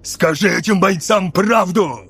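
A man voicing a furious veteran male sergeant-major, gruff and menacing. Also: high voice, measured pace, a bit bright, voice pushed up, full character voice.

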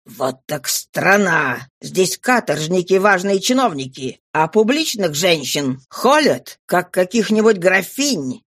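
A woman's voice: fairly low pitch, sing-song, takes it slowly, few pauses, no room sound, studio quality, exaggerated voice. A woman voicing a harsh, mocking male police inspector who barks orders, in a storybook reading. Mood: scornful, commanding. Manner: barking, scornful.

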